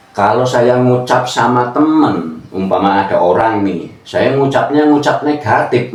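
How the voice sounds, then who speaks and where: A man giving an informal religious lesson, explaining slowly and acting out pronunciations. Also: medium pitch. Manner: slow and explanatory, acts out pronunciations. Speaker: religious teacher. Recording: echoey room, distant from the mic.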